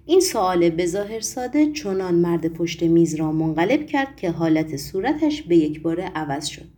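A woman reading a novel aloud with lively, expressive intonation. Her voice is mellow and soft-toned, with a measured storytelling delivery. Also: lowish voice. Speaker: audiobook narrator. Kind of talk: scripted audiobook narration.

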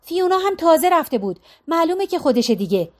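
A woman voicing an anxious middle-aged mother speaking earnestly and quietly on the phone in an audiobook. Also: very high-pitched, sing-song, pitched above the performer's own voice. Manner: hushed, earnest.

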